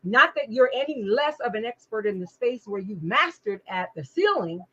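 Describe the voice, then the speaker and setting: A woman's voice: a little high, animated, normal speed, fairly bright tone, highs cut off. A woman hosting an interview, asking long, encouraging questions that she rephrases as she goes. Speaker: talk show host. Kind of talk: interview conversation.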